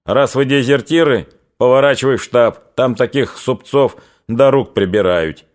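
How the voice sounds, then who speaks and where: A man's voice: medium pitch, normal speed, voice pushed up, close to an everyday voice. A man voicing a stern male Cossack sergeant who puts on a show of strictness, in a spoken audiobook.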